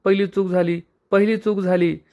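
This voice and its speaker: A theatrical, fault-finding aunt-in-law, put on by a man, in a raised voice. She shouts and accuses, and makes every small thing a disaster. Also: high voice, little pitch movement, normal speed, pitched above the performer's own voice. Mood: scolding. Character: scolding, dramatic older woman, aunt-in-law.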